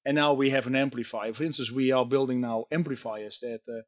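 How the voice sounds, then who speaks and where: Male guest, mid-pitched, voice worn from a day of talking, earnest and filler-heavy. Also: fairly even intonation, brisk. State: strained voice from talking all day. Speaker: company technology chief. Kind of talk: conversational interview. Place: trade show floor.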